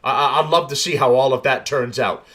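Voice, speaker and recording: A man's mid-range voice, a little fast, pushed and bright, carries his podcast as he reads news stories aloud. His commentary is blunt and profane, with many restarts and rambling asides.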